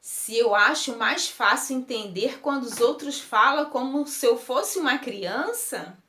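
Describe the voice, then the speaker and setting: A woman reading a first-person text aloud, slow and emotive, lingering on words. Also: a little high, animated, pushed and bright. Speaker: reader. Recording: roomy echo.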